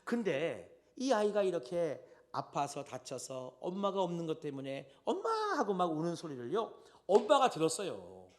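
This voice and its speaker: Animated male pastor preaching a sermon. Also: on the high side, normal speed, few pauses. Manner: animated preaching that swings between loud and soft; tells stories with addresses to the congregation. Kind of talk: Sunday sermon.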